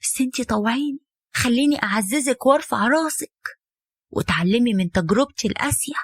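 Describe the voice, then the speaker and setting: A woman's voice: fairly high pitch, expressive, a little fast, slightly rough, no echo. A woman voicing a stern, weary mother-in-law who lectures her son's young wife, in Egyptian Arabic. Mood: lecturing. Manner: firm, lecturing, bitter.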